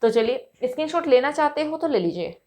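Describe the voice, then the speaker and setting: A woman teaching English vocabulary to Hindi speakers, explaining patiently and often checking with "right?", saying example sentences slowly. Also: sits high, animated, a little mellow.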